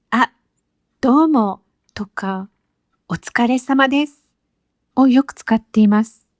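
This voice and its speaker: A woman narrates a scripted lesson as a teacher, speaking slowly and patiently with clear, careful phrasing. Her voice sits a little high. The recording is dry and close. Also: darkish tone, dry recording. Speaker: Japanese teacher.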